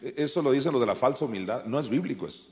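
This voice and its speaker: A man preaching in a large church hall, his voice carried by a long, ringing reverb. He swings between fiery shouted commands and hushed, low asides, pressing each point home. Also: lively intonation, very fast. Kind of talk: sermon.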